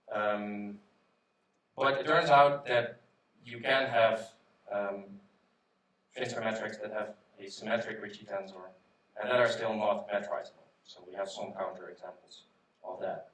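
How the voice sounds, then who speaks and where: A man's voice: fairly low pitch, fairly bright tone. A young man answering formally as a PhD candidate at a thesis defense. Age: young adult. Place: university auditorium. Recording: distant mic in echoey hall.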